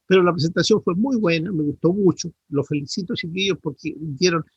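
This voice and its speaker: A man's voice: a little high, brisk, breathy edge, no room sound, dull audio. A middle-aged man with a Chilean accent, a dentistry professor giving feedback in an online class and correcting terms with many tag questions. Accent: Chilean Spanish.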